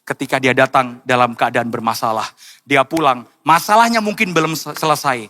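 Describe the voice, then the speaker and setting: A man pastor preaching a sermon in a church, telling stories with feeling and breaking into high, emotional cries. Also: brisk, pushed and bright.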